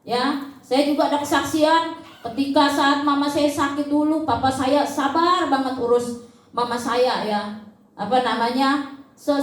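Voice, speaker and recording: A woman giving a church testimony in a chatty way, full of fillers and acted-out quotes. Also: sits high. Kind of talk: sermon testimony. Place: church service hall. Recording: echoey church hall.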